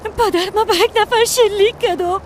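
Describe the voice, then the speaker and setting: An actress playing a frightened young daughter in a dubbed drama, crying and stammering pleas. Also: female voice, very high-pitched, fairly even intonation, slight background noise. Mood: panicked pleading. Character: frightened young woman, guilt-ridden daughter.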